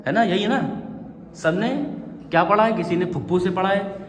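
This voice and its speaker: Male teacher, slightly high voice, patient coaxing classroom tone, echoey hall. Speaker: Quran reading teacher. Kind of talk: classroom Quran recitation lesson.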